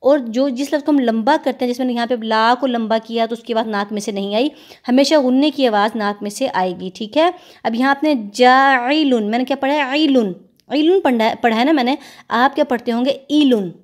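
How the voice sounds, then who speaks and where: A woman teaching Quran recitation rules, explaining patiently step by step and stretching words slowly when she demonstrates sounds. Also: fairly high pitch. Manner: patient, explains step by step, repeats "theek hai".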